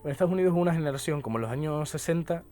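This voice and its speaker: A young man from the Canary Islands, speaking Canarian Spanish, appears as a radio guest; he's a linguist and poet who explains things at length and keeps tacking on tag questions. His voice is slightly high, mellow, and rapid-fire. It's a radio interview recorded in a studio, with faint music in the background.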